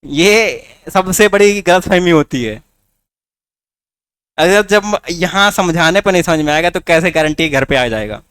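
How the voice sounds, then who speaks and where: A man's voice: high-pitched, expressive, unhurried, a bit bright, clear, resonant tone, no echo, clean studio sound. A man teaching a class with a north Indian Hindi accent, coaxing students with rhetorical questions. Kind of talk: classroom lecture.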